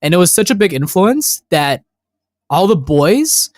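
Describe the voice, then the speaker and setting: A man co-hosting a podcast, telling childhood stories in a loud, excitable way and swearing constantly. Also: high voice, measured pace, no echo, studio quality. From North America. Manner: excitable storytelling, heavy swearing. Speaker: podcast co-host. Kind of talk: casual podcast chat.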